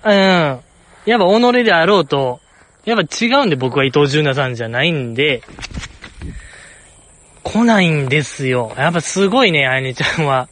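A man's voice: fairly high pitch, expressive, normal speed, long pauses, a bit bright. A young man with an Osaka accent, chatting casually and rambling on his own, playfully earnest. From Osaka, Japan. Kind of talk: casual solo chat.

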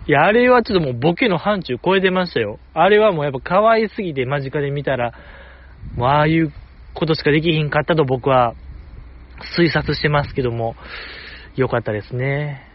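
In dull audio, a man with a voice on the high side talks expressively and a little fast. He hosts a casual solo podcast full of rambling, enthusiastic fan commentary and soft jokes about himself.

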